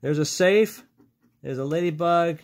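A man giving casual, excitable commentary as he scratches lottery tickets, talking to his viewers as ladies and gentlemen. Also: a little high, measured pace. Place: indoors at a table, over a cutting mat.

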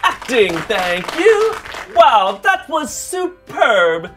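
A woman's voice: sits high, big pitch swings, very slow, music in the background, a crowd in the background, heavily acted. A woman playing a self-important stage actor who presents a children's church lesson in a theatrical, pompous manner. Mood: grandly theatrical. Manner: theatrical, pompous, grand flourishes. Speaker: kids' church segment presenter.

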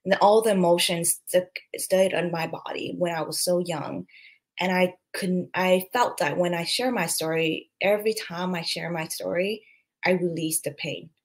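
Heartfelt woman from Vietnam, low voice. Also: moderate pace. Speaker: guest, clinical social worker. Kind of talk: video call interview.

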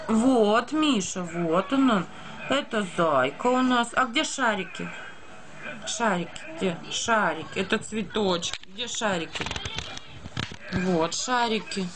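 A woman's voice: on the high side, background noise. A woman reading and singing to a toddler, in a sing-song, child-directed way with simple repeated questions and animal sounds. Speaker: mother. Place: dim room at home. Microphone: handheld phone nearby.

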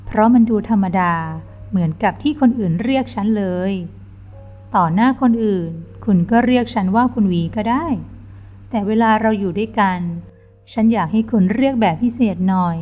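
A woman's voice: medium pitch, normal speed, natural voice. A woman voicing a loving young female boss who speaks tenderly and coaxingly, in a dull lo-fi recording with faint music.

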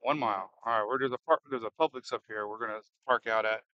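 A man giving casual, excitable live storm-chasing commentary, thinking aloud and firing off questions as he drives. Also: on the low side, quick pace, no echo, highs cut off. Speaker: storm chaser and livestream host. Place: inside a moving car in a storm.

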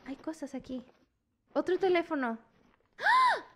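A woman's voice: extremely high pitch, huge pitch swings, a little slow, heavy background noise. A young woman streaming a horror game, jumpy and exclaiming at scares while talking to her chat. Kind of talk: gaming commentary.

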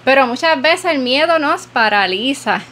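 A woman's voice: high-pitched, animated, normal speed, a bit bright, slight background noise. A woman podcast host giving an earnest, preacherly devotional talk, repeating phrases for emphasis.

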